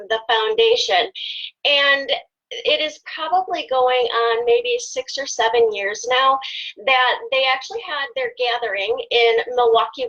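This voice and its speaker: A woman in her fifties telling a personal story in a hesitant, choked-up way, with many pauses and fillers. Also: a little high, a bit bright, dull audio. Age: 50s. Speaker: volunteer guest. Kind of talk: emotional personal story on a live stream.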